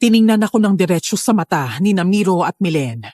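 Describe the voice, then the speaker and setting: A woman narrating a first-person horror story in a steady, somber way. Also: lowish voice, brisk, no room sound, clean studio sound.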